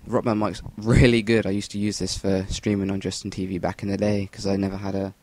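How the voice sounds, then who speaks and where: Low flat-voiced sweary English lad. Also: male voice, quick pace, slight background noise. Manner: rambling, sweary, blunt. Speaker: gameplay commentator. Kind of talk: casual game commentary voice-over. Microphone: Rock Band USB mic.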